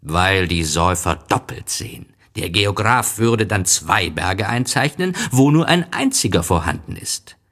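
A self-important old geographer who lectures slowly in a deep, husky voice, as a male reader plays him. He takes his time over each point, like a scholar who never leaves his desk in a storybook audiobook. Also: animated, fairly bright tone, exaggerated voice. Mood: lecturing. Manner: slow, lecturing, pompous. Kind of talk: audiobook reading.

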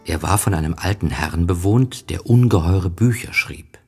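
A man calmly narrating a storybook audiobook in a soft, expressive way. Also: low voice, normal speed, faint music behind. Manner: soft, calm, expressive reading with breathy drops.

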